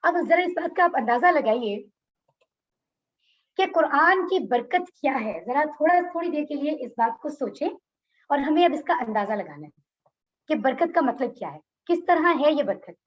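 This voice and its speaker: High-voiced woman teaching over a call. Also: animated, moderate pace, highs cut off. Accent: Pakistani Urdu. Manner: explains word by word, repeats meanings, asks students questions. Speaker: Quran course teacher. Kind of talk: online class lecture. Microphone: video call.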